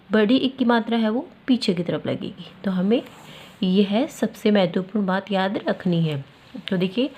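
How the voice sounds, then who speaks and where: A woman teaching a children's lesson, speaking clearly and stressing each syllable as she recites letters. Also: on the high side, a little mellow.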